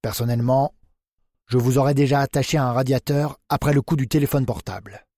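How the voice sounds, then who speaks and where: A man's voice: medium pitch, fairly even intonation, fairly quick, warm tone, no echo, studio quality, natural voice. A man voicing a blunt man who accuses another in a hard, categorical tone. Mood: accusing.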